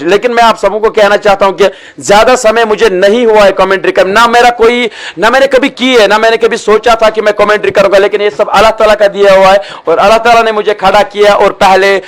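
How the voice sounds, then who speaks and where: A man commentates cricket live in a high voice. He speaks slowly and gratefully, reading out viewer comments between calls of play. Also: fairly even intonation, fairly bright tone. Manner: grateful, unhurried.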